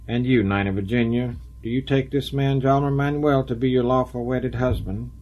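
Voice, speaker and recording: A man's voice: medium pitch, fairly even intonation, moderate pace, dull audio, close to an everyday voice. A man playing a grumpy parson woken at night. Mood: formal. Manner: gruff, grumbling.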